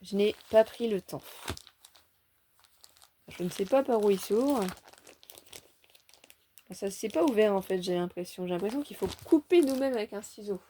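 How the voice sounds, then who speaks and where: Enthusiastic woman going thru her scrapbook paper haul, mellow voice, a bit of hiss in the background. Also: mid-range voice, moderate pace, long pauses. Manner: chatty, enthusiastic, fond of little words like "petite" and "hein". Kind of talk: casual show-and-tell haul.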